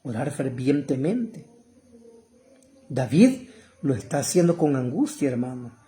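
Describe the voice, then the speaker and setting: A middle-aged man preaching a fervent sermon, calling listeners brother and rising to loud cries. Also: medium pitch, sing-song, a little slow. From El Salvador.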